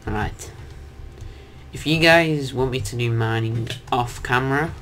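Young guy doing chill let's-play commentary, slow and chatty, bit of noise in the background. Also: mid-range voice, fairly bright tone. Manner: chatty, jokey, talks to himself and the viewers. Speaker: gaming commentator.

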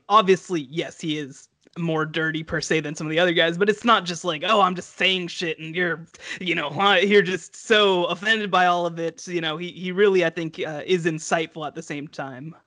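A man's voice: on the high side, a little fast, bright, forceful tone, no room sound. A young man in casual podcast chat, talking eagerly in long run-on thoughts over a headset on a video call from home. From United States. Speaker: podcast co-host. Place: home room. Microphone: headset mic on video call.

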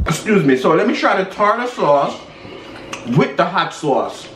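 A man's voice: high voice, very animated, unhurried, over music. A young man chatting casually with sassy, exclamatory slang, chewing as he talks and eats. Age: young adult. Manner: chewing while talking, eating. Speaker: mukbang co-host. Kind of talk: casual gossip chat. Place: indoors at a table, dark backdrop. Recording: roomy, distant mic, background noise.

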